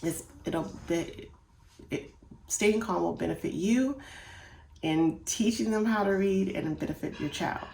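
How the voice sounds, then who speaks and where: A woman giving homeschool reading tips in a calm, encouraging way, talking straight to parents. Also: fairly low pitch, measured pace, creaky. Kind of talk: casual instructional talk. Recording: echoey room.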